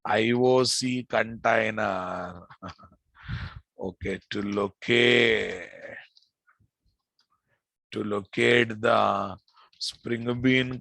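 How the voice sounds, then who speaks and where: A man's voice: on the low side, gravelly, fairly bright tone, dry recording. A man with a Telugu Indian accent giving an informal technical lecture as an instructor, repeating phrases and often quizzing his listeners. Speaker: programming instructor teaching a live class.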